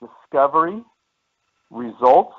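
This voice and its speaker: A man giving an insurance sales training, lecturing in a repetitive way and slowing down to list key words. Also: a little high, lively intonation. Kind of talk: training presentation. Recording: tinny phone-like line.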